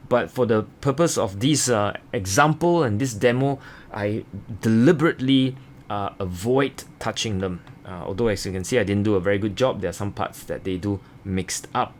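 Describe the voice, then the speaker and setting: A man's voice: mid-range voice, normal speed, darkish tone. A man giving a casual watercolor tutorial as an art instructor, explaining in an informal, hesitant, meandering way.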